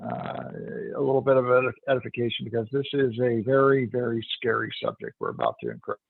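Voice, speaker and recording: Male guest expert, fast and gravelly, on a thin, dry phone-like line. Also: medium pitch, expressive, dry recording.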